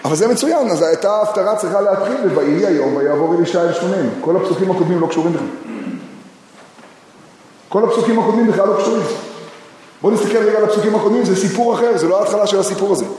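A man teaches a scripture lesson, reading verses aloud and pressing his listeners with questions. His voice sits fairly high for a man. It rings through a large hall with a long echo and a little background noise. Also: pauses often. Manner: lively, asks the audience many questions and reads verses aloud. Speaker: Bible teacher. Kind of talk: lecture on scripture. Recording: echoey hall with faint noise.

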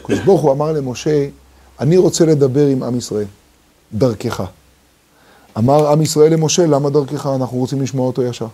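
A man's voice: medium pitch, warm tone, breathy edge. A man teaching a Torah lesson to a group. He asks many rhetorical questions and acts out the voices of the people he quotes.

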